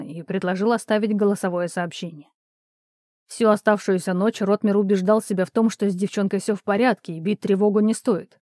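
A woman narrating an audiobook in a calm, even storytelling manner. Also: mid-range voice, dry recording, clean studio sound.

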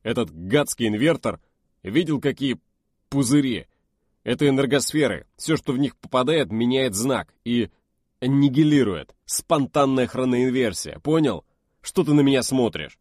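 A man voicing a bitter, resigned American shuttle pilot in an audiobook, talking loud and strained. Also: fairly low pitch, a little fast, no echo, studio quality, close to an everyday voice.

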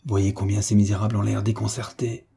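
Soothing young duchess, slightly raised, husky, voiced by a man reading. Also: fairly low pitch, level tone, a little fast, dark tone, heavily acted. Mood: reassuring. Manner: soothing, reassuring. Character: calm, protective young duchess, woman.

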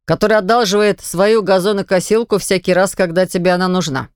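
A woman reading aloud voices a hot-tempered, exasperated father in a lowered voice, lecturing and blustering. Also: fairly even intonation, fairly quick, smooth, no room sound, studio quality, natural voice. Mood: angry.

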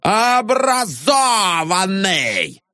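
A man's voice: high voice, lively intonation, takes it slowly, bright, forceful tone, no echo, clean studio sound, pitched above the performer's own voice, heavily acted. A man shrieking as a furious brawling janitor. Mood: raging. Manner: shrieking curses.

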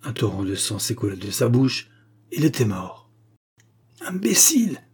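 A man reading an audiobook novel in measured, scripted narration. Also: on the low side, darkish tone, husky. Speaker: audiobook reader.

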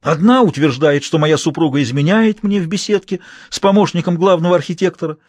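A man voicing a hot-tempered, jealous young prince in an audiobook, shouting and wailing. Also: fairly high pitch, brisk, no room sound, voice pushed up, natural voice.

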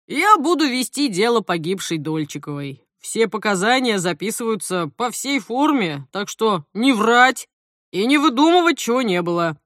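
A woman voicing a weary, stern male police major who talks in a gruff, official way. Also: fairly high pitch, very animated, normal speed, fairly bright tone, no room sound, clean studio sound.

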